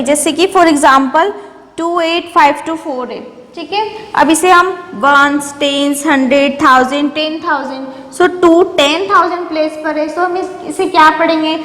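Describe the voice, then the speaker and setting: A woman teacher giving a maths lesson, asking questions and answering them herself. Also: high voice. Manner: asks questions and answers them herself, repeats key terms. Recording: echoey room with long reverb.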